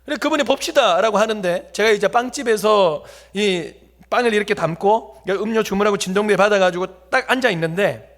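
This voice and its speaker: High-voiced preacher. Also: male voice, brisk, fairly bright tone. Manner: jokey, talks directly to the congregation. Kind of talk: humorous sermon storytelling. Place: church sanctuary.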